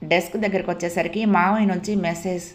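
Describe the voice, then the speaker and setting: A woman narrating a family story as an audiobook, in a soft, reflective first-person telling. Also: fairly low pitch, steady tone, quick pace.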